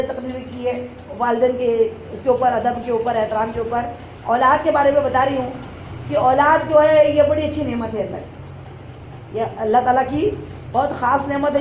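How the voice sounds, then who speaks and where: Female religious teacher from India, lecturing women, high voice, rhetorical questions, echoey room with faint hiss. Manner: asks the audience rhetorical questions and answers them; repeats phrases for emphasis.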